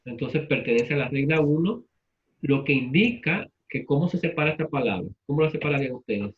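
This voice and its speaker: A man's voice: medium pitch, fairly quick, dull audio. A man teaching a class, repeating students' answers and asking them questions in turn. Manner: patient, repeats answers back and asks questions.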